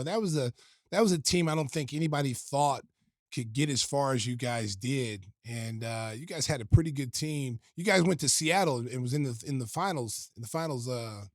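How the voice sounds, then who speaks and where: A man's voice: medium pitch, lively intonation, brisk, dry recording, clean studio sound. A man hosting a casual podcast interview, asking questions in a loose, conversational way. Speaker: podcast host.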